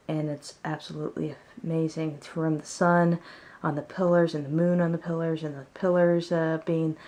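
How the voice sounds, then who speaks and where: A woman's voice: lowish voice, a little mellow. A woman chatting casually at home as she presents her favorites in a vlog. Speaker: tarot deck reviewer.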